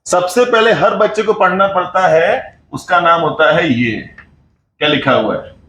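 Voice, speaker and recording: A man's voice: high-pitched, measured pace, bright, forceful tone. A man teaching a physics class, asking his students questions and answering them himself, mixing in English terms. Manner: mixes Hindi with English terms. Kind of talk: classroom lecture. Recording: echoey room with faint background noise.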